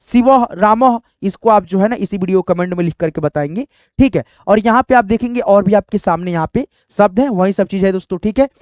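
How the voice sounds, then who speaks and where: A man's voice: sits high, fairly quick, a little mellow, no echo, studio quality. A man teaching a spoken lesson, patiently spelling out letters one by one.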